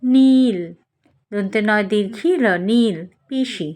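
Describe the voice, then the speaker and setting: Female teacher, unhurried delivery, patient, sounds out every syllable carefully. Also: medium pitch, faint music behind. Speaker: Bengali spelling teacher. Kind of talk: slow instructional lesson.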